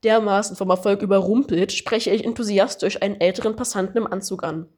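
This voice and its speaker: A woman doing an amateur audiobook reading in a plain, even manner. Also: mid-range voice, brisk, husky. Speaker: audiobook reader.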